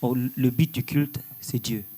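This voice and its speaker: A man's voice: mid-range voice, steady tone, measured pace, dark tone. A young man, a member of a gospel group, earnestly urging listeners to come and worship. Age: young adult. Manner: earnest, preacherly. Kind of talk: exhortation.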